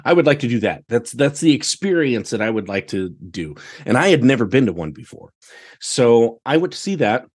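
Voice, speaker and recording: An American man with a husky, medium-pitched voice that swings widely chats casually at a normal pace as a podcast guest. He's a theatre director, telling stories full of exclamations and quoting himself.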